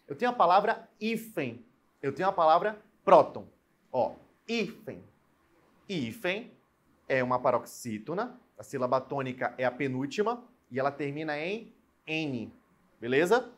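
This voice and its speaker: A man's voice: a little high, slightly rough. Man teaching, drawing out example words. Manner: explanatory, repeats and stretches out example words; checks in often with "né?" and "beleza?". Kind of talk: recorded grammar lesson.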